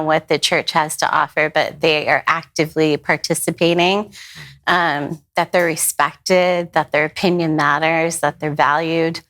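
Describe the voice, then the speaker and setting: A woman pastor speaking in a thoughtful, measured way during a roundtable discussion. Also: low-pitched, fairly bright tone. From United States.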